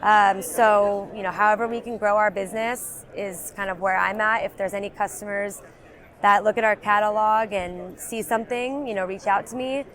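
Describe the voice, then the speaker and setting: A woman's voice: mid-range voice, steady tone, normal speed, fairly bright tone. Woman explaining products at a trade show. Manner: explanatory, many fillers like um and you know. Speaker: beverage sales representative.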